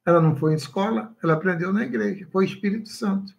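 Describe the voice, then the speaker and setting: Pastor preaching to a livestream. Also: male voice, sits high, fast, creaky, rough recording. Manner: preaching with questions to the listeners. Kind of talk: sermon on a livestream.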